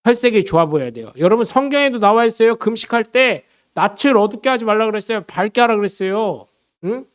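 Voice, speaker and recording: A man, a pastor, preaching a lively sermon and often calling out questions to his congregation. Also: sits high, quick pace. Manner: switches between solemn blessing and chatty storytelling.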